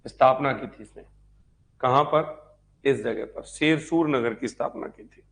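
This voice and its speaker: A male online history exam-prep teacher speaks with a mid-range voice, measured pace and vocal fry. In his live lecture he repeats points, poses quiz questions and chats with his students.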